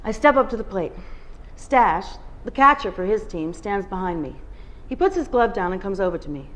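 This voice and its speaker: As guest reader at a bookstore, a woman narrates a first-person novel to the audience with expression. Her medium-pitched voice swings widely in pitch at a moderate pace. The recording is rough.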